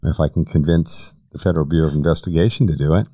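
A man's voice: very deep voice, fast, dark tone, dry recording, clean studio sound. A man hosting a podcast, asking questions and giving long, careful explanations in casual interview talk. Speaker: podcast host.

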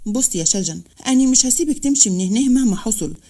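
A man's voice: very high voice, animated, fast talker, warm tone, exaggerated voice. A woman voicing a commanding older wealthy man, with an Egyptian accent, in a narrated story. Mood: stern. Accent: Egyptian Arabic. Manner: firm and commanding.

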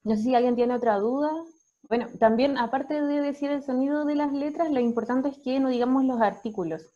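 Chilean lady teacher walking parents thru letter sounds, kinda high voice, muffled call audio. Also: fairly quick, warm tone. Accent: Chilean Spanish. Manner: patient, checks in with frequent "¿ya?". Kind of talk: explaining phonics to parents.

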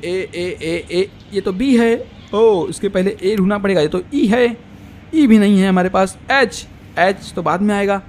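A man narrating toy play for children on a toy channel, exclaiming in a lively way. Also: high voice, slight background noise.

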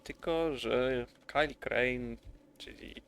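A man's voice: medium pitch, takes it slowly, vocal fry, a bit bright, clean tone. A man giving chatty, rambling, enthusiastic commentary over gameplay. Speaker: gaming youtuber.

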